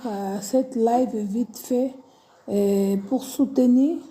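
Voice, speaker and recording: Woman live streamer with a Portuguese accent, slow and mellow, higher register, faint noise behind the phone audio. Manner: repetitive greetings, self-correcting over word choice. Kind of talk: casual live stream talk.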